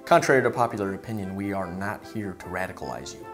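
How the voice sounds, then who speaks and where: A woman playing a deadpan, earnest conspiracy-theorist saleswoman in a comedy sketch, with a low voice. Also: quick pace, soft background music.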